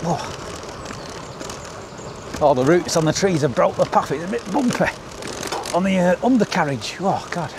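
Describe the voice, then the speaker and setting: His high, expressive voice moves at normal speed, broken by long pauses. He is a middle-aged cycling vlogger from northern England giving relaxed, chatty commentary from his bike, upbeat as a travel show host. The outdoor recording is noisy with wind and traffic.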